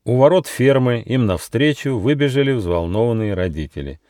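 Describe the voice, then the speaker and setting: A man narrating his own children's fairy tale as an audiobook, in an expressive storytelling manner. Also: medium pitch, normal speed, dry recording, studio quality. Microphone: studio mic.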